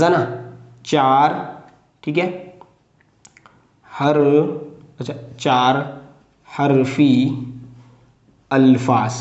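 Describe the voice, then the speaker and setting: A man's voice: high voice, echoey room. A man teaching Urdu handwriting step by step, patiently spelling out each word letter by letter and checking in often. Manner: patient, repeats "ठीक है" and "है ना" often.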